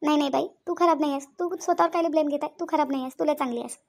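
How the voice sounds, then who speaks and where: Reassuring cartoon friend; high and brisk, gently coaxing. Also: female voice, fairly even intonation, gravelly. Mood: soothing. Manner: soothing, reassuring, asks "hm?" often. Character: comforting female friend, adult woman. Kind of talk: Marathi cartoon voice acting.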